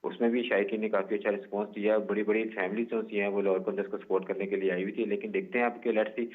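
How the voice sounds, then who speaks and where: A male sports reporter phoning in a measured, formal live report over a phone line that breaks up and cuts out, pausing often with "uh". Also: lowish voice, flat delivery. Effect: phone line breaking up and cutting out.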